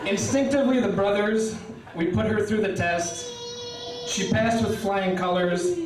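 Young guy reading a rhyming toast at a wedding, highish voice, far off in an echoey hall, hissy. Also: big pitch swings. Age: young adult. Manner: reads rhymes aloud, pausing for laughs. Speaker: best man. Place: wedding reception hall, indoors. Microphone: stand mic, filmed by a far camera. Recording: roomy hall audio from a distant camera. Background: guests laughing.

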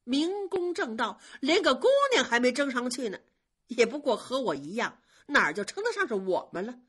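A proud young maidservant with a quick, sneering tongue, as a woman storyteller puts her on. The voice sits high and swings widely, with a husky edge, every line thrown back in scorn. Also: big pitch swings, a bit bright, exaggerated voice. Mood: scornful. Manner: sneering, biting retorts. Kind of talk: traditional storytelling.

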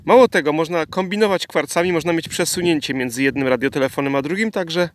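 A man's voice: a little high, fast talker. A man with a Polish accent casually showing off his gear as a hobbyist presenter, recorded outdoors in an open field. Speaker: vintage radio enthusiast presenting his gear. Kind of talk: casual product showcase. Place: outdoors in a dry grassy field. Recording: clear noise from outdoors.

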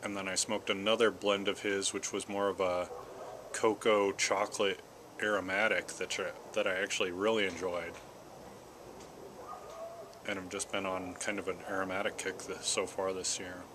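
Low-voiced American man, halting pipe-puffing ramble. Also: flat delivery. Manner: unhurried and halting, with puffs on a pipe between phrases. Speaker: vlogger. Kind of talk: casual rambling solo chat. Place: outdoors in a backyard garden. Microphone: camera at about arm's length or a little more. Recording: clear outdoor background noise.

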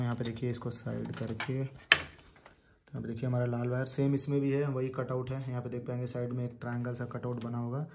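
This noisy home recording features a tech tutorial host casually guiding viewers through installing a hard drive at an indoor desktop PC. His medium-pitched delivery is steady, flat and repetitive, peppered with fillers.

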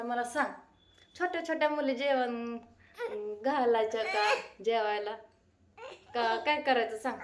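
A woman in her thirties, a mother chatting casually to her viewers while doing chores at home. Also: on the high side. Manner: chatty, talks straight to viewers while busy. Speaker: mother and vlogger. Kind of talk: casual home vlog chat. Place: home, kitchen. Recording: echoey room.

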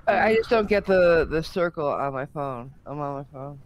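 A man playing a group game online, chatting in a lively, excitable way. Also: fairly high pitch, moderate pace. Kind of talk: casual gaming chat.

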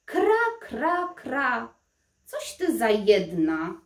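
A woman's voice: on the high side, wildly swooping pitch, extremely slow, heavily acted. Woman doing jeering cawing crows. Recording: roomy echo.

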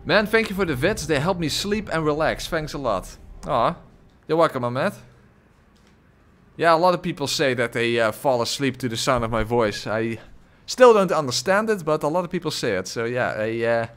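Leaning close to his desk microphone, a man streams a game and reads viewers' chat, rambling with plenty of filler sounds and small chuckles. His voice is a little high and a bit bright, expressive, at a moderate pace.

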